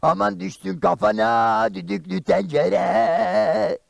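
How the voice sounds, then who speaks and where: A man voicing Karagöz, a blunt, quick-tempered common man in a traditional shadow puppet play, firing off rhyming comebacks. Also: steady tone, dry recording, full character voice. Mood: mocking. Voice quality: gravelly and high. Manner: loud, rhyming comebacks, exclamations.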